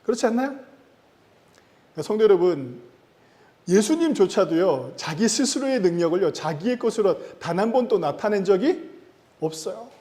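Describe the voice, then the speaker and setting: High-voiced pastor preaching in a reverberant hall. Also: male voice, big pitch swings, moderate pace, long pauses. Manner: emphatic preaching with rising stress and sudden drops in loudness. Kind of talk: sermon. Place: church sanctuary. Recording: long church-hall reverb.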